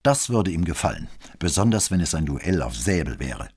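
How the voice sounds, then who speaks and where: A man's voice: deep voice, big pitch swings, normal speed, darkish tone, slightly rough, exaggerated voice. Man doing a nervous teenage cadet. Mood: guarded. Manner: polite, guarded and tense. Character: nervous teenage boy cadet, stiff and polite.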